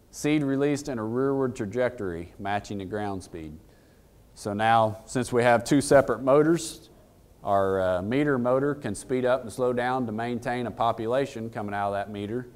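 A man's voice: medium pitch, darkish tone, clear, resonant tone. A man in his thirties giving a casual technical talk to an audience in a conference room, plain-spoken and folksy, often asking the room questions. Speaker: equipment dealer presenter.

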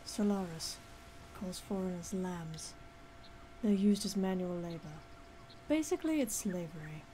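A woman voicing a serious, guarded older male companion in a video game, measured and grave as they read the dialogue. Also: lowish voice, animated, dark tone, slight background noise. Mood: grave, confiding.

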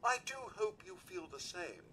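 A man's voice: high voice, very animated, moderate pace, bright, forceful tone, slight background noise, exaggerated voice. An actor voicing a polite, loyal robot butler in a video game, speaking formally and calling his master sir. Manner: formal, courteous, addresses listener as sir. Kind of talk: video game character dialogue.

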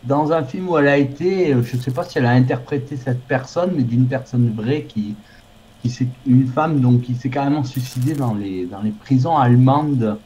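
A man chatting casually over a voice call, hesitant and halting, often restarting his sentences. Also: mid-range voice, mellow, slight background noise, rough recording. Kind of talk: casual chat.

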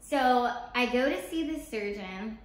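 A young American woman with a slightly high voice tells a personal story at a measured pace as a show co-host. She animatedly acts out quoted dialogue and says "like" a lot, recorded in an apartment living room by a camera mic a few feet off, with room echo and faint background noise.

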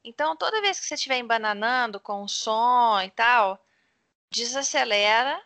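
Brazilian woman English teacher on a video call, bright and slightly high, dry close sound, encouraging coach. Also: lively intonation, normal speed, dry recording. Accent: Brazilian Portuguese. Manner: encouraging, coaching pronunciation, switching between English and Portuguese. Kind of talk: online English lesson.

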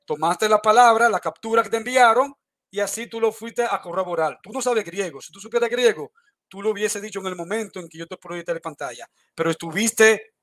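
High-voiced man in a heated debate. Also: fairly bright tone. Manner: accusatory, repetitive, challenging.

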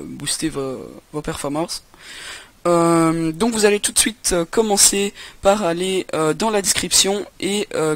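A young man from France hosting a casual computer tutorial, talking hesitantly with many fillers and restarts. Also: fairly high pitch. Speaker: tutorial host. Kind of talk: casual screen-recorded tutorial.

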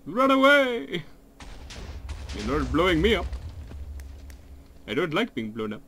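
A man's voice: a little high, sing-song, normal speed. A man chatting casually while playing a game, playful and full of exclamations. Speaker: gamer. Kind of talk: casual gaming chat. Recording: faint background noise.

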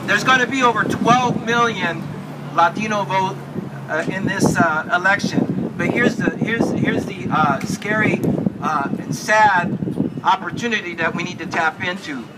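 High-voiced guy giving a rally speech outside, lots of restarts, street noise loud, filmed from far. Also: measured pace. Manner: earnest, repetitive restarts, rousing. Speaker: state commissioner and magazine publisher. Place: outdoors on building steps. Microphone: handheld mic, filmed by a phone from far off. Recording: distant phone video with loud street noise.

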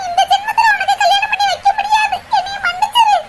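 A woman's voice: very high-pitched, steady tone, quick pace, background noise. A woman voicing a caring older sister in a cartoon, firm but tender, in a southern Tamil Nadu accent. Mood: worried. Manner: scolding yet tender, lamenting. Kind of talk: cartoon voice acting.

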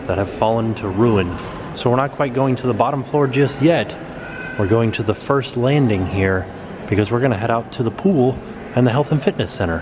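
A man's voice: lowish voice, background noise. A man in his thirties casually narrating a walking tour of a hotel, filmed on a handheld camera at arm's length. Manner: casual, upbeat pointing-out of sights. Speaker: vlog host. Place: hotel halls and outdoor pool areas.

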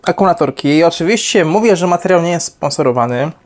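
A man's voice: on the high side, animated, quick pace, darkish tone. A young adult man giving an unscripted product review, rambling with many fillers and self-corrections.

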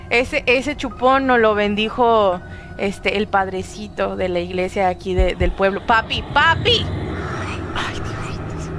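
A Mexican woman commenting casually on her gameplay, excitable and swearing freely, cooing pet names at an in-game baby. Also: fairly high pitch. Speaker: gameplay streamer.

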